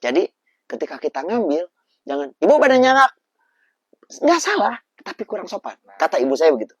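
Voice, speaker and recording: A man, a preacher guest telling lively, animated stories about raising children. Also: high-pitched, a little fast, slightly rough, dry recording, lo-fi sound. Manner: animated storyteller. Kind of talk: casual religious talk.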